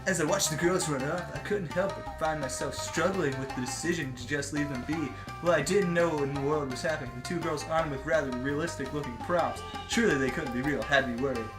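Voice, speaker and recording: A man's voice: a little high, fast talker, few pauses. A man casually reading a visual novel aloud with a friend, playful and bantering. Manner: playful, reads narration and bickers over parts. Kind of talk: casual let's-read narration. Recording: echoey room with background music.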